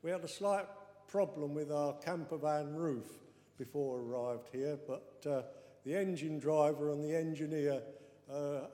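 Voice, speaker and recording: Man, mellow and slightly high, chatty storyteller at a slide talk; roomy hall. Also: unhurried. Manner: chatty, good-humoured storytelling. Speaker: speaker describing a trip. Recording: echoey hall with long reverb.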